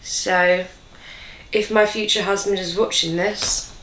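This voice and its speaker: A woman's voice: mid-range voice, fairly even intonation, slow pace, fairly bright tone, a little hiss or hum. A woman in her twenties chatting casually to camera in a rambling, self-mocking way while answering viewers' questions. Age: 20s. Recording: roomy echo.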